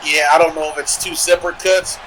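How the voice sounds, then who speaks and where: A man's voice: fairly high pitch, fairly even intonation, brisk, very noisy. A man giving color commentary on a wrestling match, analysing the strategy and the injuries as the action plays out. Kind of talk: live sports commentary.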